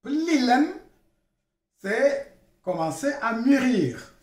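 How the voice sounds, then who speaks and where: A man teaching a language lesson, repeating words slowly and spelling them out letter by letter. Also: very high-pitched, big pitch swings, echoey room. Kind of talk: slow spoken language lesson.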